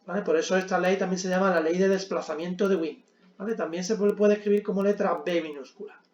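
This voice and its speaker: A man's voice: high voice, steady tone, quick pace, darkish tone, echoey room, highs cut off. A man teaching a physics lesson at a board, explaining step by step with frequent check-ins and hesitant fillers.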